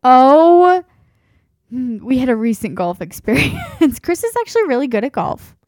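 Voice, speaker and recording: A woman's voice: sits high, sing-song, moderate pace, darkish tone, dry recording, studio quality. A young woman co-hosting a podcast in a chatty, casual way, full of fillers. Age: young adult. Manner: chatty, with frequent fillers and laughs. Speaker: podcast co-host. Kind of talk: casual chat.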